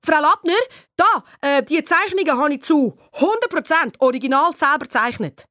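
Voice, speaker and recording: A woman's voice: sits high, lively intonation, normal speed, sharp tone, no room sound, studio quality, pitched above the performer's own voice. A woman doing a cheeky schoolboy. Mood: nervous. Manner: cheeky, stumbling with fillers when nervous. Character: cheeky schoolboy, mischievous and excitable.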